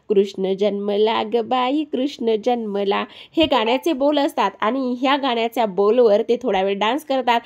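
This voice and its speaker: A woman narrating a TV serial episode recap, addressing viewers directly in a lively way. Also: mid-range voice.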